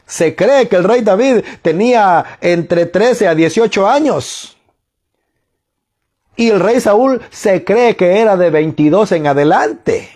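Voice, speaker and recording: Slow, high-voiced preaching man. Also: expressive, darkish tone. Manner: slow, emphatic preaching with rhetorical questions. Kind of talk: sermon.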